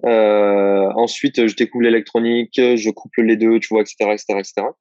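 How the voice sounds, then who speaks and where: A man from the south of France, a guest in a casual interview, telling his story in a relaxed, rambling way with many restarts. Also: lowish voice, fairly quick, no echo, highs cut off.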